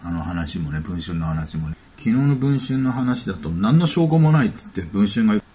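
A man's voice: on the low side, sing-song, moderate pace, mellow, breathy edge. A man giving casual spoken commentary as a YouTube commentator, chatty and offhand, thinking aloud.

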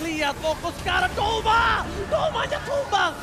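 A man with an Indonesian accent commentating a video game like an excited fighting game announcer, with dramatic drawn-out calls and English catchphrases. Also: extremely high pitch. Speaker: esports shoutcaster. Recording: loud music and crowd behind. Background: game music and crowd.

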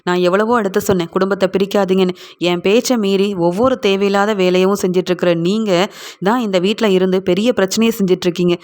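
A woman's voice: mid-range voice, steady tone, fast talker, a little mellow, lightly acted. A woman voicing a defiant daughter-in-law. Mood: reproachful. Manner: firm, reproachful, lecturing. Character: defiant middle-aged woman scolding her mother-in-law. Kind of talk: retelling a TV serial scene.

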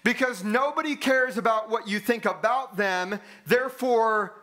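High, bright-voiced earnest preacher. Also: male voice, measured pace. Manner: earnest, emphatic, repeats key lines for stress; gestures broadly while walking the stage. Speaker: pastor. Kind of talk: sermon. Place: church stage with stage lighting.

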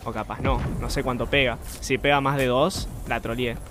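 A young man with an Argentine accent, chatting and swearing freely while streaming a game, now and then bursting into shouts. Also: mid-range voice, fairly even intonation, normal speed, background noise. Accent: Argentine Spanish. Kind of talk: live game commentary.

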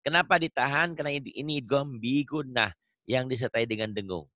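Bright-voiced male recitation teacher. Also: mid-range voice, no room sound. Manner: patient, repeats rules slowly for the student. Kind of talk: one-on-one tajwid lesson.

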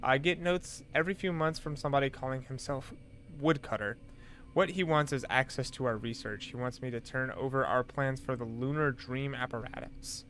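A man's voice: mid-range voice, moderate pace, a bit bright, lightly acted. A man reading as a frightened researcher's warning letter. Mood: urgent.

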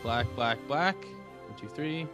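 A man's voice: mid-range voice, expressive, takes it slowly, over music. A man playing a card game who calls out his plays plainly and laughs often. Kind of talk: casual gameplay chat.

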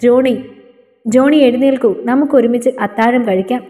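Earnest devout young woman, read by a woman storyteller, higher mellow voice, long reverb. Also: moderate pace, close to an everyday voice.

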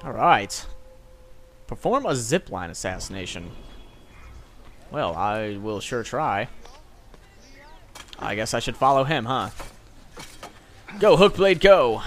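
A man's voice: on the low side, very animated, unhurried, long pauses, a bit bright, a little hiss or hum. A young man casually commenting on his gameplay, sarcastic and swearing, joking at his own mistakes. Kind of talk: casual let's-play commentary.

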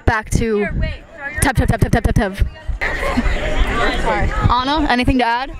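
A woman's voice: a little high, measured pace. Young woman doing joking game commentary. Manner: joking, chanting names, teasing the referee. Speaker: vlogger. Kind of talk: playful mock sports commentary. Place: outdoors at a soccer field. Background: crowd at a game.

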